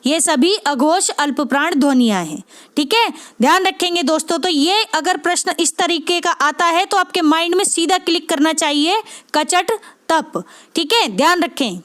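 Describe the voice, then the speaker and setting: A woman's voice: very high-pitched, moderate pace, fairly bright tone. A woman teaching a lesson for exam prep, asking and answering her own questions and checking in with her class again and again. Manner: repeats points with constant check-ins to the class.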